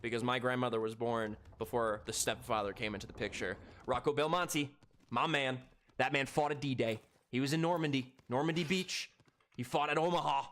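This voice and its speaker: A man's voice: mid-range voice, moderate pace, a bit bright. A man in his thirties chatting casually with viewers during a live game stream, laid-back and profane. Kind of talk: casual live-stream chat while gaming.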